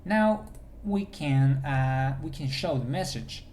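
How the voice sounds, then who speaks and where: Male coding instructor, unhurried screencast delivery with a faint hum under the voice. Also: medium pitch, expressive, darkish tone. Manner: thinks aloud while typing, with restarts. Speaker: programming instructor. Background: keyboard typing.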